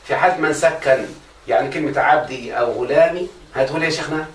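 A man's voice: on the high side, rapid-fire. A man with an Egyptian Arabic accent teaching a religious grammar lesson, constantly quizzing his students on whether they follow. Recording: echoey room, far from the mic, faint noise.

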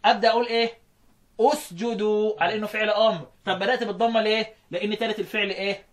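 A man with an Egyptian Arabic accent teaching Quran recitation rules, often questioning his students and chanting verses slowly. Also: sits high, fairly even intonation, fairly bright tone. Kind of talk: explaining recitation rules in a lesson.

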